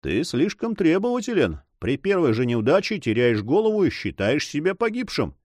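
Man voicing resolute buccaneer leader, composed, wry, animated pitch, dry recording. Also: moderate pace, no echo.

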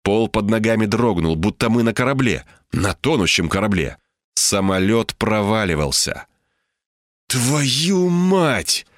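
A man's voice: on the low side, normal speed, no echo, studio quality. A man narrating a tense first-person story in an audiobook style.

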